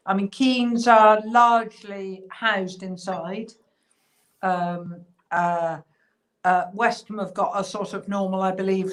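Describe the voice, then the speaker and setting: A woman's voice: medium pitch, a bit bright. Woman explaining her craft, thoughtful. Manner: thoughtful, explanatory, with frequent fillers. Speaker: cheesemaker guest. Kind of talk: casual interview chat.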